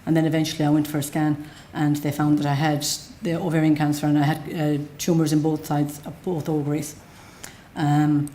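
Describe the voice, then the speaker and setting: A woman's voice: sits low, mellow, slight background noise. A middle-aged woman with a west of Ireland accent giving an unscripted personal account in a plain-spoken, matter-of-fact way. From Galway, west of Ireland. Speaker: patient telling their own story.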